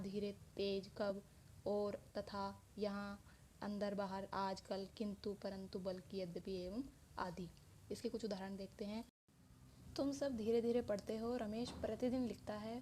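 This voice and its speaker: A woman's voice: mid-range voice, dark tone, slight background noise. A woman teaching a grammar lesson, explaining step by step with many examples.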